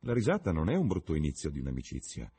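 A man's voice: very deep voice, huge pitch swings, quick pace, dark tone, slightly rough, heavily acted. A man reading the part of a witty, cynical young English lord, with a languid, ironic delivery.

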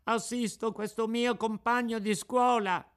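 A man's voice: fairly even intonation, a little slow, a bit bright, clear, resonant tone. A man voicing a frightened wooden puppet boy, pleading and wailing in a dramatic radio reading. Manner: wailing, pleading, high-pitched.

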